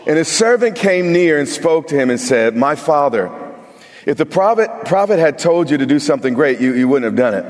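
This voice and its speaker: A man's voice: on the high side, lively intonation, fairly quick, long reverb tail. A male pastor preaching an emphatic sermon, talking straight to his congregation with humorous asides.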